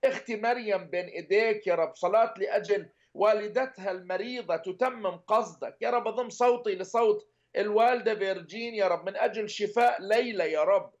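High-voiced man in earnest prayer. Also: dull audio. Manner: earnest, pleading, repetitive petitions. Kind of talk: intercessory prayer.

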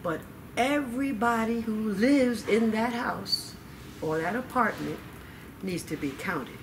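Her voice a little high, an older library storyteller performs an expressive read-aloud for kids, pausing for drama and taking her time. The clip was captured from afar in a noisy indoor children's room.

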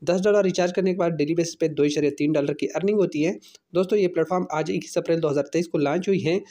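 A man's voice: fairly high pitch, fast talker, warm tone. A man, the channel host, narrating a screen-recorded app walkthrough step by step with repeated fillers. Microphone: off-screen voice-over over phone screen recording.

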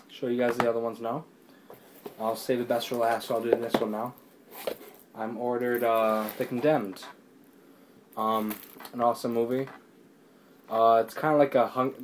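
A young man in casual, rambling chat, excitably showing off discs he ordered, with lots of fillers. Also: medium pitch, background noise. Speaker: YouTuber reviewing discs.

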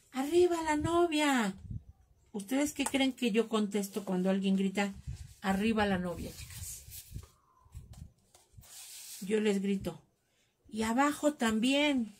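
A woman's voice: medium pitch, a little mellow, a little hiss or hum. A woman with a Mexican accent hosting a live craft class, chatting and joking with her viewers while she works. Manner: chatty, jokey, calls viewers "chicas".

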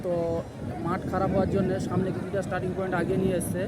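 A man's voice: high-pitched, monotone, very fast. A man giving running race-caller commentary to his viewers in a repetitive way, outdoors at a field. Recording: loud outdoor crowd and vehicle noise.

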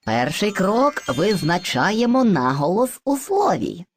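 A woman voicing a playful, hesitant male sprite of mixed slang speech in an educational cartoon, with a husky voice and a bouncy, exaggerated delivery. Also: mid-range voice, sing-song, slow, a little hiss or hum. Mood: cheerful.

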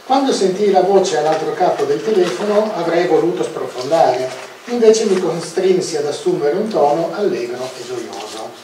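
A man reading aloud from his own book at a public presentation, slow and deliberate. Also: fairly high pitch, lively intonation, dark tone, slight background noise. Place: outdoor public event. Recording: very echoey, distant outdoor sound.

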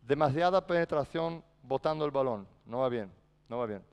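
A medium-pitched male voice, animated and smooth with vocal fry, moves at a moderate pace. Coaching basketball practice in a big indoor gym, he barks short commands before explaining patiently, with echoey gym reverb throughout.

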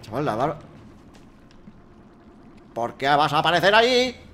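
A man from Spain with a Spain Spanish accent, commenting on a video game he plays, excitable, swearing and singing silly bits. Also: a little high, unhurried, slight background noise. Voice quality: excitable, swearing, sing-song silly outbursts. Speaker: gaming youtuber. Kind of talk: let's play commentary.

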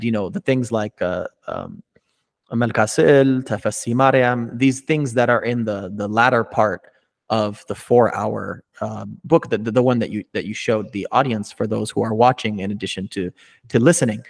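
A man in his thirties hosting an interview over a video call, asking detailed, thoughtful questions into a studio mic with a pop filter. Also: medium pitch. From United States. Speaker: podcast host. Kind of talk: conversational interview. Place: small indoor room, video call. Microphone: studio mic with pop filter, headphones.

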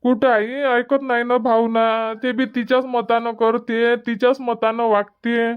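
Cartoon: actor voicing a whiny village son, clear mid-pitched voice, pleading. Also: flat delivery, unhurried, muffled recording, natural voice. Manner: pleading, whiny, soft-spoken. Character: pleading grown son, henpecked young man. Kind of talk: cartoon comedy dialogue.

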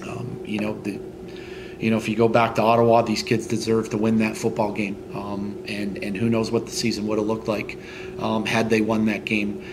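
A middle-aged man speaks as head coach in a post-game interview, his voice low and staying on an even, level pitch. He stops and restarts often and fills gaps with ums. A clear steady noise sits under the recording. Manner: halting, many fillers and restarts. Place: indoors in front of a team logo backdrop.

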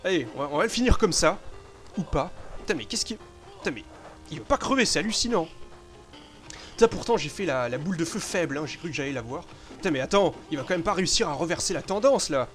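A man commenting live on his own video game play, excitable, swearing often, with sudden loud outbursts that drop back to mutters. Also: fairly high pitch, quick pace, long pauses, soft background music. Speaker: gameplay commentator.

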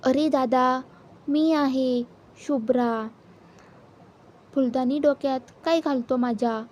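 A woman's voice: high voice, steady tone, slow pace, darkish tone. A woman voicing a playful, cheeky young woman in a storybook reading. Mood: startled.

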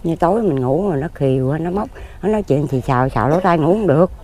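A woman's voice: sits low, expressive, fast, darkish tone. A woman in her fifties with a Southern Vietnamese accent, talking plainly and at length as an interviewee. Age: 50s. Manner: plain-spoken, rambling and earnest. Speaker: interviewee, lottery ticket seller. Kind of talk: casual interview. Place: outdoors among graves.

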